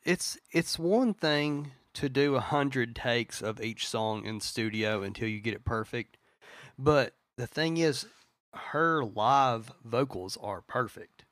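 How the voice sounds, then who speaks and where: A man co-hosts a casual music podcast, gushing and rambling with plenty of fillers. His voice sits at an everyday middle pitch, and the sound is close and dry with no room in it. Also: slow pace, a bit bright, no room sound. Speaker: podcast co-host.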